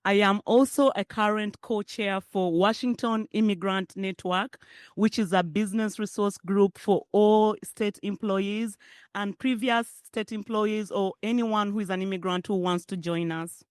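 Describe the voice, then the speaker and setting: A middle-aged Ugandan woman gives a keynote in a chatty, conversational way. Her voice is smooth and clear. The sound is dry and close. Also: mid-range voice, steady tone, measured pace, dry recording. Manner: warm, conversational, laughs often. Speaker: keynote speaker. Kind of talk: public speech.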